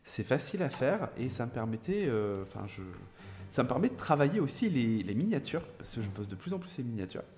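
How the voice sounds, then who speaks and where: A young French man hosts a live gameplay stream, chatting hesitantly with viewers and replying to them by name amid plenty of filler pauses and restarts. His mid-range voice is very animated and a little mellow, and background music plays.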